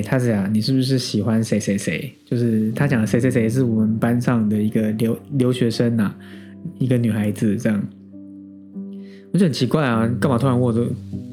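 A man in his thirties from Taiwan with a Taiwanese Mandarin accent, hosting a podcast and telling a personal story in a candid, animated way full of asides. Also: medium pitch. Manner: candid, animated, exasperated storytelling with frequent self-asides and laughs. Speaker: podcast host.

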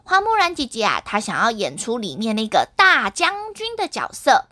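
A woman narrating a children's story in an animated way, speaking directly to the children. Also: on the high side, moderate pace, no room sound.

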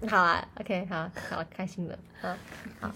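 A woman's voice: on the low side, normal speed, vocal fry, breathy edge. A young woman, hosting a casual chat with friends and telling childhood stories with lots of giggling. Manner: giggly, animated storytelling. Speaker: podcast host.

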